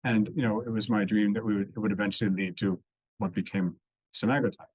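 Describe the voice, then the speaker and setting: A man giving a dense, technical medical lecture at a conference, explaining step by step with relaxed asides. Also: lowish voice, quick pace, slightly rough, no echo, rough recording. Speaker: conference speaker. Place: conference hall.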